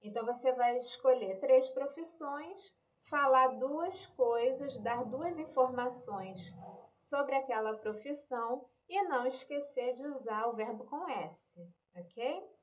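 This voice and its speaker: Slow, patient Brazilian woman teacher. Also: sits high, animated, roomy sound, lo-fi sound. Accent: Brazilian Portuguese. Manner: explains patiently, mixes English and Portuguese, frequent "né?" and "ok?". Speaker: English teacher. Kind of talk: online language lesson.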